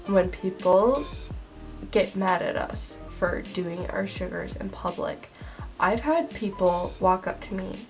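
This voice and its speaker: A woman's voice: mid-range voice, takes it slowly, low-quality recording. A young woman hosts a casual vlog, sounding bunged up with a man-flu style head cold. Her delivery is sarcastic and emphatic, and music plays behind her. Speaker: video host. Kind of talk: casual scripted list vlog with acted skits.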